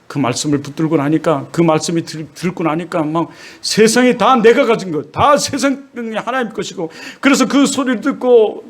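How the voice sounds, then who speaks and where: A middle-aged male pastor preaching a sermon with personal testimony, swinging between hushed and loud, emotional delivery. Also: high-pitched, animated, normal speed, few pauses.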